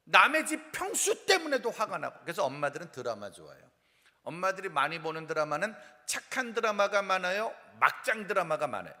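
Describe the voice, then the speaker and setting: A male pastor preaching a humorous revival sermon in a church sanctuary. His voice is high and bright, and his pitch swings widely as he jokes with the congregation. A long hall reverb trails behind every line. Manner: playful, animated, acts out quoted complaints and sings snippets.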